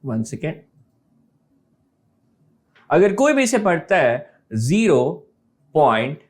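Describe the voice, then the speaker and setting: This maths teacher's voice is fairly high, very animated and slow as he teaches a class online. He moves through each step, blends English terms into Hindi and keeps asking his students whether they've got it.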